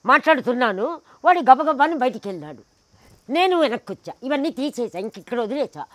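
A woman's voice: high-pitched, big pitch swings, a little fast, no echo. Emphatic woman telling an indignant story. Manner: emphatic, indignant, with rhetorical questions; acts out the people in her stories. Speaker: interviewee. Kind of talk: animated personal storytelling.

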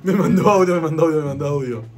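A man's voice: on the high side, fast talker. A man with a Mexican accent in a casual vlog, reading chat messages aloud in a playful, giggly, teasing way. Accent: Mexican Spanish. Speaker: vlogger. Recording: background music under the voice.

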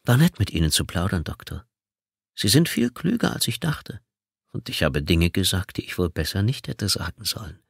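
A man's voice: low-pitched, sing-song, gravelly, husky, no room sound, clean studio sound, heavily acted. A man voicing a cold, taunting phone killer. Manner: taunting, slow and sneering.

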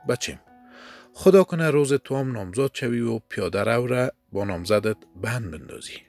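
Kind middle-aged mother, Afghan Dari accent, mild smiling manner, lilting pitch, read by a man. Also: animated, gravelly, darkish tone, faint music behind. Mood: gentle.

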